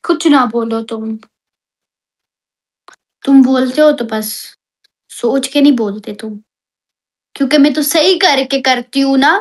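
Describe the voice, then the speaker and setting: Female live-stream host, very high pitch, heated and repetitive when she argues. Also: takes it slowly, long pauses. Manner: animated, heated complaining; repeats herself for emphasis. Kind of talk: casual live-stream chat.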